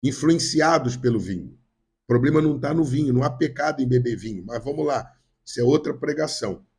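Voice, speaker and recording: Fast-paced and animated, a Brazilian pastor from Rio preaches in a mid-range voice that is gravelly, darkish and breathy-edged. Though he has a cold, he drives his message home with repetition and emphasis, speaking directly to the congregation.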